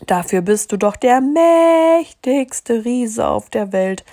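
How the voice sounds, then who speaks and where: A woman voicing a clever little hare in a storybook read aloud, brisk and cheeky. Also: a little high, animated, warm tone, no echo, studio quality, pitched above the performer's own voice.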